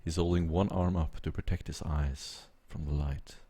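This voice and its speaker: A man runs a tabletop game as game master, narrating scenes to his players. His voice is very deep, with a husky grain to it. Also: fairly even intonation, moderate pace, warm tone.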